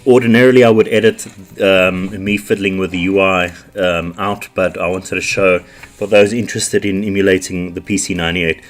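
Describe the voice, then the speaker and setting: Low-voiced sick man, casual game talk. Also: moderate pace, faint music behind. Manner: relaxed, with frequent ums and likes. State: sick with a flu, congested voice. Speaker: retro game channel host. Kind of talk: casual gameplay commentary.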